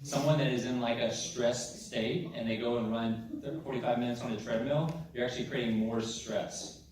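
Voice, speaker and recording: A man's voice: medium pitch, steady tone, normal speed. A man presenting at a live health seminar, coaching the audience through exercise and explaining the ideas behind it. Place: large room with audience. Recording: echoey hall, far-off mic, music and crowd.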